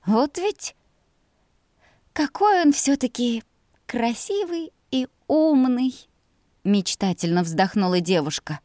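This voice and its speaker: A woman reading an audiobook voices a shy young maid who sighs dreamily, in a higher, soft voice. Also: normal speed, no room sound, studio quality, natural voice. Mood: dreamy. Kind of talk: audiobook character voice.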